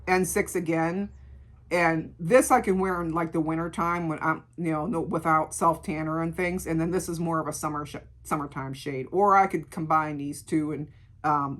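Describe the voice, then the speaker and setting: A middle-aged woman with a gravelly voice, chatting casually through a beauty product review and repeating words for emphasis. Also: deep voice, a bit bright. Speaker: beauty vlogger.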